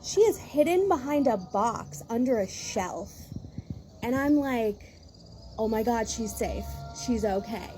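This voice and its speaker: A woman's voice: fairly high pitch, lively intonation, slow, dark tone, a little hiss or hum. A woman vlogger in a casual rant, talking in a rambling, exasperated way with many restarts.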